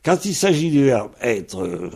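Slow, gravelly man teaching grammar. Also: a little high, lively intonation, dark tone. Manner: hesitant, many fillers, spells words out letter by letter. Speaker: Breton language teacher. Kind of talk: slow explanatory grammar lesson.

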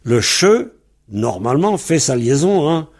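A man's voice: medium pitch, animated, slow, vocal fry, slightly rough. A man giving a patient lesson on Breton pronunciation, spelling out words letter by letter and comparing dialect variants. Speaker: Breton language teacher.

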